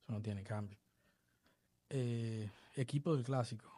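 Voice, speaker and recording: A man from the Dominican Republic, a baseball coach being interviewed, talking in a measured, reflective way. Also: medium pitch, mellow, breathy edge. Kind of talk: podcast interview.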